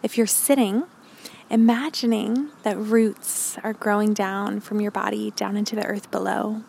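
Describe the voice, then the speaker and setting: Woman, calm grounding-exercise guide for a podcast, encouraging and gently instructing, some vocal fry, light noise behind. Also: medium pitch, measured pace. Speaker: podcast host and meditation guide.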